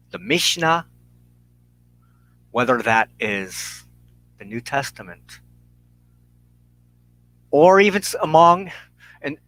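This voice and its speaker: The preacher and host of a spiritual show gives an impassioned, sermon-like monologue at an unhurried, deliberate pace, repeating phrases for emphasis and leaving dramatic pauses. His voice is slightly higher than average, bright and forceful. The low-quality recording is close and dry, with hardly any room sound.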